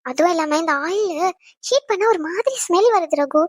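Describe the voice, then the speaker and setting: A young woman plays an affectionate young wife in an audio drama, her voice bright and high. She chats along and fusses tenderly over her husband. The recording is close and dry. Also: moderate pace, no room sound. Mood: chatty, fussing. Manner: chatty, fussing, tender. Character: caring young pregnant wife, chatty and affectionate. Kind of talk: Tamil audio drama acting.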